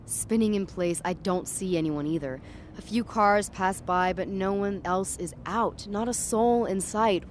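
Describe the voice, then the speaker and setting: In a natural mid-range voice, a little slow, a woman plays an uneasy, tripping young woman walking home at night, narrating in the first person in a dramatic audio story. The mood is uneasy and watchful, with clear street and traffic sounds behind her.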